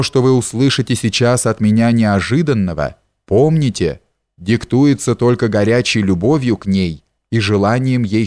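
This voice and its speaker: Male reader as a worldly, bold gentleman in an audiobook: teasing, familiar, dry close voice. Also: medium pitch, no room sound, lightly acted. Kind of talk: audiobook character reading.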